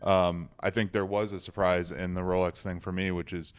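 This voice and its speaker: A man on a podcast panel, telling an animated story in a loose, amused way. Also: low voice, moderate pace, smooth.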